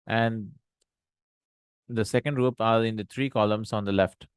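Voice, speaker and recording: A man teaching an Arabic textbook lesson. He reads Arabic lines quickly, then translates and explains them slowly in with many pauses and restarts. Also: lowish voice, steady tone, smooth, no echo.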